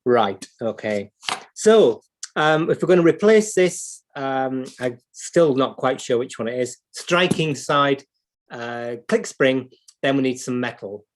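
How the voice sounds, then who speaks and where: British male instructor, mid-pitched, unscripted hands-on explainer who thinks aloud. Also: lively intonation, takes it slowly. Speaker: clock repair instructor and livestream host.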